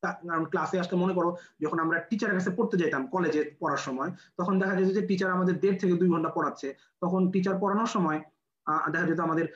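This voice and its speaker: Bangladeshi Bengali accent, physics lecturer, rapid classroom drilling, dull lo-fi sound. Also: mid-range voice. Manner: quizzes students with rhetorical questions, repeats key numbers. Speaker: medical admission physics lecturer. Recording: roomy, dull lo-fi classroom recording.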